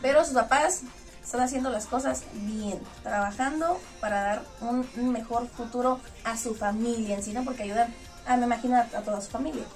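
Speaking fairly quickly in a slightly high, somewhat mellow voice, a thirty-something interviewer and host with a northern Mexican accent keeps the conversation casual and chatty. The distant-mic recording comes from a small lounge room inside a club, with background music.

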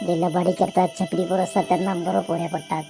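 A voice actor playing an excitable older village man who talks loudly and fusses over his young friend in a cartoon. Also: fast talker, gravelly, over music, lightly acted. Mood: consoling. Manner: loud, high, fussing questions. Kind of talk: cartoon voice acting.

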